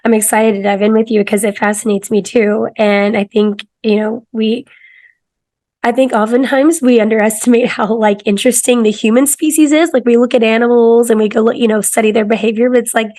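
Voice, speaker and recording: Woman podcast host, hoarse, chatty and enthusiastic, slightly high voice. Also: steady tone, brisk, a little mellow. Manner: casual, enthusiastic, lots of "like" and "kinda". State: hoarse, losing her voice. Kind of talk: casual interview chat.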